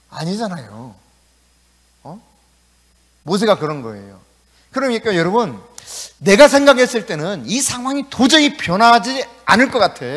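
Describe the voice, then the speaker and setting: A male pastor preaching a sermon in a lively, conversational way in a church. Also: high-pitched. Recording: echoey church hall.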